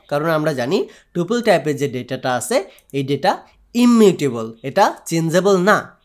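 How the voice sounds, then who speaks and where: A man from Bangladesh with a Bangladeshi Bengali accent, teaching programming in a coding tutorial. He explains step by step and mixes English technical terms into his Bengali. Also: fairly high pitch. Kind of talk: screen-share coding tutorial.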